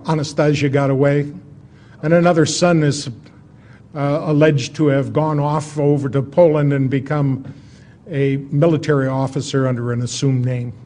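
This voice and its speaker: A man giving an informal history lecture as a storyteller, in a folksy, conversational way with dramatic pauses. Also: medium pitch, mellow.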